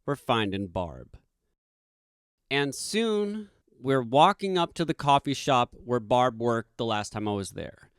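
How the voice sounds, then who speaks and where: A man from Boston telling a self-deprecating personal story as a podcast host, animated and emphatic. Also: mid-range voice, measured pace, clean tone, no room sound, clean studio sound.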